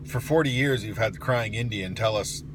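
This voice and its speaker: A man's voice: on the low side, normal speed. Grumpy older guy grumbling casually in his car, blunt and sweary, tons of road noise. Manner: sweary, colloquial. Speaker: vlogger. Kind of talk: casual opinion rant in a car. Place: inside a car. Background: vehicle and street noise.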